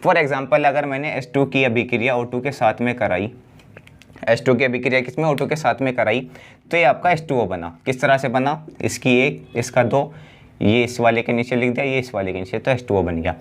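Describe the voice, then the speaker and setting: Man teaching chemistry, drawn-out answers. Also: mid-range voice. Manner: asks the class questions and answers himself, stretching key words. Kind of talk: blackboard lesson.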